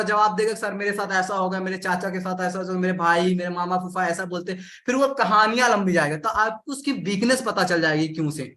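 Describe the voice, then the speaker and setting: A man's voice: high voice, bright, forceful tone, echoey room. A man running a live sales training session, animatedly acting out what customers and sellers say and addressing his audience directly.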